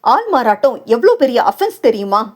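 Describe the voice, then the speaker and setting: A fiery young wife and lawyer, sharp-tongued and jealous, as a woman narrator puts her on in an audio novel. She scolds and teases in a raised voice that sits above the reader's own. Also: fairly high pitch, very animated, a little fast. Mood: angry.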